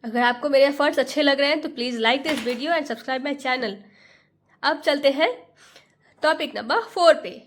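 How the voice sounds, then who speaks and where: A woman teaching English pronunciation in Hindi, sounding out each letter and patiently repeating every word. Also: sits high. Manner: sounds out letters slowly, one by one. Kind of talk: Hindi phonics lesson.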